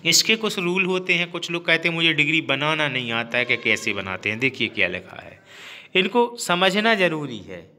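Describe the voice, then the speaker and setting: Man, fairly high voice, online grammar teacher, repeats terms, quizzes listeners, mixes in English words. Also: very animated, bright, forceful tone, a little hiss or hum. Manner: explains slowly, repeating terms and asking questions.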